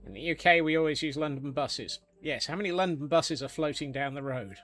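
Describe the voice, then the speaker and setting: A man's voice: a little high, a little fast, fairly bright tone, faint music behind. A man from Scotland chatting casually on a live gaming stream, joking along with viewers and answering their questions. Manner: chatty and jokey, answering chat.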